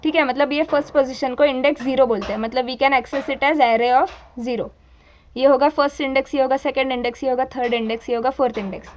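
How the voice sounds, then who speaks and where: A woman's voice: sits high, steady tone, brisk, dull audio, slight background noise. A young woman teaching a programming class, explaining step by step in a mix of Hindi and English and asking her students questions. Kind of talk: live coding lesson.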